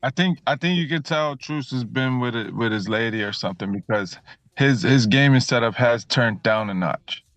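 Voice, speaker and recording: A man's voice: medium pitch, normal speed, a bit bright, no room sound. A man hosting a casual livestream, chatting loosely with lots of swearing and laughter. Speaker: stream host. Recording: dull lo-fi mic, music behind.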